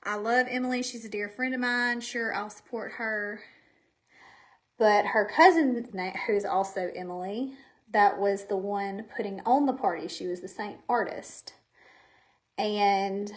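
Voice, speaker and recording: A woman with a mid-range, somewhat bright voice addresses her viewers directly while hosting a makeup live stream from home. The chat is casual and rambling, and she's a little out of breath, recorded on a camera facing her.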